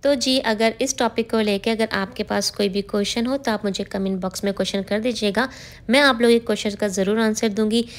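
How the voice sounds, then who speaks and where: A woman's voice: mid-range voice, steady tone, fairly quick. A middle-aged woman giving a friendly, explanatory voice-over for a home cooking tutorial, sharing tips with viewers. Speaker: cooking vlogger.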